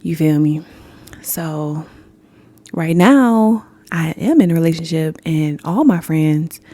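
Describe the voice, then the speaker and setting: Young woman podcast host; casual, blunt, profane, laughs easily; warm low voice, dry recording. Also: no room sound. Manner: candid, swears freely, laughs often, addresses listeners as y'all.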